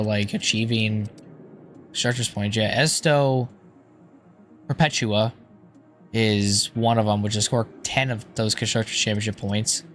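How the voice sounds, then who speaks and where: A man with a hoarse, strained voice giving casual, rambling gameplay commentary, thinking aloud in an informal way. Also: on the low side. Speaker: gaming YouTuber.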